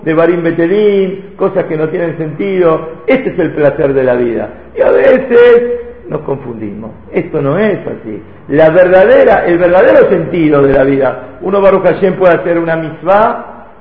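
A Torah teacher with a high voice gives a religious lesson to a live audience in a hall, telling stories and posing rhetorical questions. The echoey room and phone-like, lo-fi recording thin out the sound.

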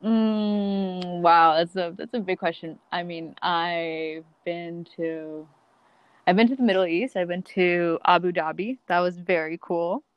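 A woman's voice: lowish voice, steady tone, unhurried, clear, resonant tone, dry recording, highs cut off. A young woman from Colombia, a podcast guest chatting casually and laughing easily with many fillers. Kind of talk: casual interview.

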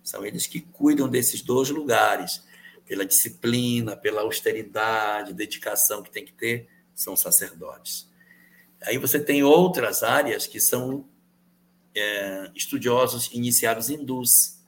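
A man answering viewer questions in a calm, measured explanatory talk, repeating key phrases for emphasis. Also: mid-range voice, slight background noise. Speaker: spiritist guest answering questions.

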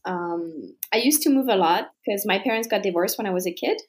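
A woman in her thirties speaks with a French accent in a relaxed conversational interview. She talks freely and warmly, dotting her sentences with fillers and easy laughter. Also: mid-range voice, brisk. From France. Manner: chatty, laughs often, many fillers. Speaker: interview guest.

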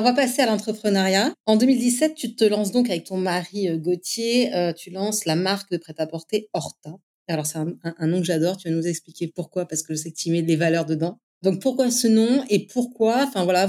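Woman interviewer, lowish voice, informal, friendly questions. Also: brisk, few pauses, darkish tone. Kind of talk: casual interview.

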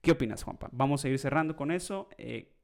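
A young man talks through a podcast episode in a loose, rambling way. His voice sits at an ordinary middle pitch, and he fills the gaps with plenty of fillers and side comments. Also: a little fast, gravelly. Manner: rambling, chatty, many fillers and asides. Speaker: podcast host. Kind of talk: casual podcast chat.

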